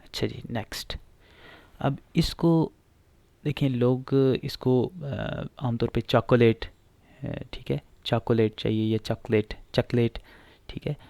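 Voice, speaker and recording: A man with a gravelly, middle-pitched voice teaches pronunciation. He explains patiently and says each word again and again, with many filler sounds. His voice is recorded dry, with no room sound. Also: fairly even intonation, slow pace, long pauses, a little mellow, no echo. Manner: frequent filler sounds and "theek hai".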